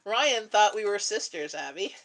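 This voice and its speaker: A middle-aged Canadian mother hosts a live stream, chatting casually with viewers while she cooks, talkative and prone to giggling. Her mid-range voice swings widely in pitch, she speaks slowly with a slightly bright tone, and the recording quality is poor.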